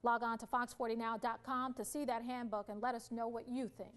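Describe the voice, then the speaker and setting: A woman anchoring a local evening newscast with smooth scripted delivery. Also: a little high, level tone, brisk. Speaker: news anchor.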